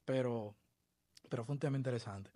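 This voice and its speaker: A man from the Dominican Republic, a baseball coach being interviewed, talking in a measured, reflective way. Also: mid-range voice, warm tone, no echo. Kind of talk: podcast interview.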